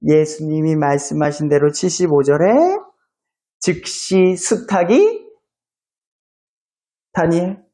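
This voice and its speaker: A man's voice: fairly high pitch, expressive, slow, pauses often, mellow. A male pastor preaching a sermon in a church, retelling a story with acted-out voices.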